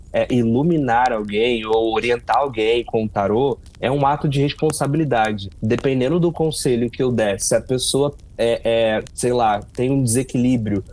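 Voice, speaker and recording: A man from Rio de Janeiro with a Carioca accent, a tarot reader talking in a casual interview, telling stories with lots of fillers and restarts. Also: mid-range voice. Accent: Carioca Brazilian Portuguese. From Brazil, Rio de Janeiro. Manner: animated storyteller, many fillers and restarts.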